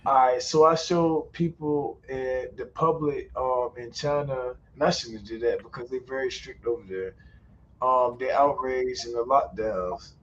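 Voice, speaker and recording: This stream host and YouTuber keeps his live-stream chat casual: profane, storytelling, full of laughs. He has a mid-range voice with fairly even intonation and a measured pace, heard through muffled audio with faint background noise.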